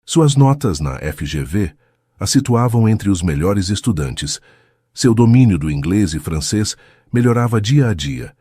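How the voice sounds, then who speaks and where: Narrator, male, very deep and husky, measured dramatic reading, dry close sound. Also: warm tone, no echo. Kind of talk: scripted romance narration.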